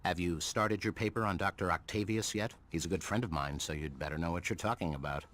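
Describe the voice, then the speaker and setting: An actor playing a stern, exasperated middle-aged science professor, lecturing in a game cutscene. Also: male voice, sits low, fast, a bit bright. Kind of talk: scripted game cutscene dialogue.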